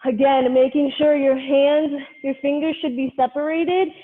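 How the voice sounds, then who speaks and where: A woman with a high-pitched voice instructs a live exercise class, giving direct, step-by-step cues. She speaks into a headphone mic, and the sound is lo-fi and muffled with a long reverb tail. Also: fairly even intonation, measured pace. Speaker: fitness instructor leading a live workout class. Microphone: headphone microphone.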